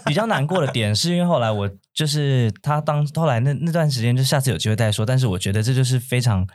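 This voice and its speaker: A man's voice: medium pitch, quick pace, darkish tone. A man, earnestly telling a personal story as a podcast co-host. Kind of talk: casual chat, personal storytelling.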